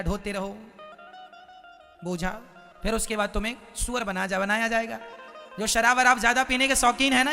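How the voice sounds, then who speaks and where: A man's voice: very high voice, pushed and bright. A man preaching a devotional sermon, telling the story dramatically and exhorting his listeners. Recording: long hall reverb, faint music.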